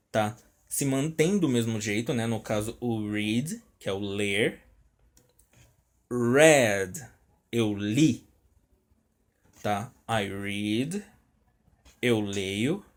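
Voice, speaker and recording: A Brazilian man teaching an online English lesson, repeating each word and checking in often with his students. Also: lowish voice. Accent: Brazilian Portuguese. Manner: explains slowly, repeats words, checks in with "tá?" constantly. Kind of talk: recorded online language lesson.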